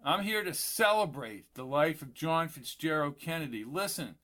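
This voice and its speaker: Earnest young souvenir seller, plain and low-key, as the narrator reads him, for an audiobook. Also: male voice, lively intonation, moderate pace, bright, forceful tone. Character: young man selling Kennedy souvenirs, earnest.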